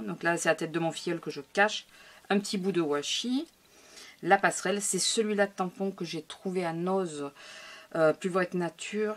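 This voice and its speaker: A woman casually showing her scrapbook album to viewers, chatty and hesitant, with many fillers and restarts. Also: lowish voice. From France. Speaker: scrapbooking vlogger. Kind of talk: casual show-and-tell of a craft album.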